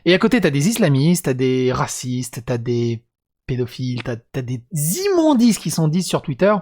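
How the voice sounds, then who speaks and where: A man's voice: medium pitch, big pitch swings, normal speed, darkish tone. A man reading a script and breaking into crude, sarcastic asides as a video commentator. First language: French. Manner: crude, sarcastic asides between read passages. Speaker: YouTube commentator.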